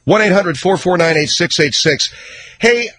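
A man's voice: high-pitched, animated, moderate pace, a bit bright, husky. A man hosting a radio talk show with sardonic, satirical monologues.

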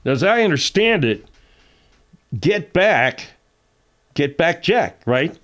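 Man doing a bossy, animated male radio sidekick. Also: a little high, slow, exaggerated voice. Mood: bossy, exasperated. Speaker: radio co-host. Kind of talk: comic radio banter.

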